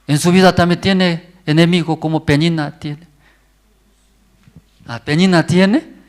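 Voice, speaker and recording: Slow-speaking pastor prodding his congregation. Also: a little high, fairly even intonation. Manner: constantly checks in with the congregation with a rising 'mm?' and 'verdad, no?'; simple, halting phrasing in short bursts. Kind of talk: sermon at a prayer service. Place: church service.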